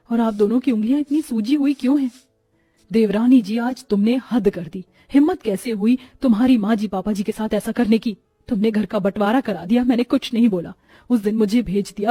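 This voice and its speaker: A woman voicing a kind, patient elder daughter-in-law in a storybook, gentle yet firm. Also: a little high, slightly rough, no room sound, studio quality.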